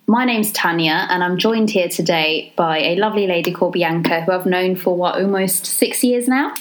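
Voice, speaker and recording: A woman from the United Kingdom hosts a casual podcast conversation. Her voice sits a little low, and she keeps things friendly, steering the talk with easy questions. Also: moderate pace, rough recording. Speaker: podcast host.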